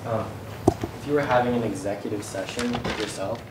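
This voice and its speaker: A man's voice: fairly low pitch, fairly even intonation, normal speed. A young man, a student, carefully asking a prepared interview question. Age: young adult. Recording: distant echoey mic with noise.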